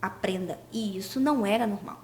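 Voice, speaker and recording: A woman's voice: mid-range voice, fairly quick, darkish tone, a little hiss or hum. A young woman, a podcast guest explaining scripture and asking rhetorical questions. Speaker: guest speaker.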